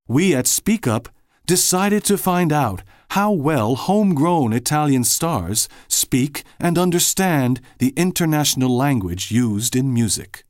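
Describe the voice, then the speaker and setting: A man narrating a scripted language-learning feature as the host, in a clear, lively delivery. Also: medium pitch, no room sound, clean studio sound.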